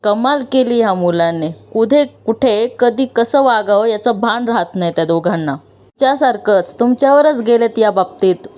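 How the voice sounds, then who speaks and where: A warm but firm older wife, as a woman recapping reads her part. She chides briskly. Her lines stay close to the reader's own voice. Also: on the high side, expressive, lightly acted. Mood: chiding.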